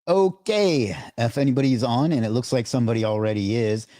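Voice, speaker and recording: A man's voice: medium pitch, fairly quick, warm tone, dry recording, clean studio sound. A man hosting a live stream, chatting loosely, rambling and reading out viewer comments as they come in. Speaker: livestream host. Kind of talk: casual live stream chat.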